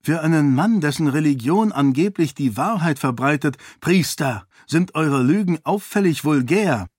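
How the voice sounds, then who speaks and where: A man's voice: fairly high pitch, lively intonation, moderate pace, a little mellow, husky, dry recording, studio quality, pitched above the performer's own voice. A man doing a defiant young princess. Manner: defiant, scornful.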